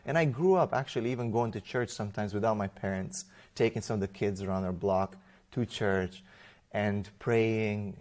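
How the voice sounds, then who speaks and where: Romanian-born male guest, lowish voice, animated storytelling with restarts. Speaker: interview guest. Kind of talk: conversational personal testimony.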